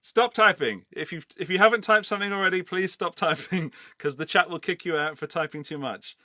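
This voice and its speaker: A middle-aged livestream host from the Forest of Dean in Gloucestershire, England, runs a casual giveaway, rambling and chatty. His voice is high, pushed and bright, a little fast, captured at studio quality with no room sound.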